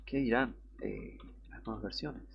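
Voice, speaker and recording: A man's voice: mid-range voice, wildly swooping pitch, a little slow, gravelly, muffled recording, a little hiss or hum. A man giving heated Bible teaching, indignant and scornful, repeating his points.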